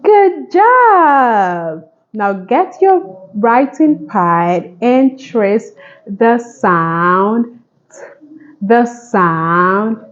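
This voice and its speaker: Recorded with a muffled sound, a woman with a high-pitched voice hosts a phonics lesson for young children. As teacher and channel host, she's encouraging and sing-song, repeating simple instructions.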